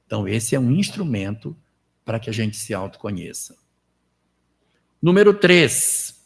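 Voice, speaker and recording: A man with a Brazilian Portuguese accent gives a spiritist lecture in a conversational style. His voice is gravelly and sits in a middle pitch. He steps into quoted inner thoughts and checks in with little tag questions. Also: sing-song, measured pace.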